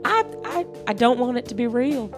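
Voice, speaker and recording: A woman's voice: fairly high pitch, animated, moderate pace, over music. A woman guest on a comedy show, answering in a giggly, hesitant way. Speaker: guest contestant. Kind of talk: casual chat.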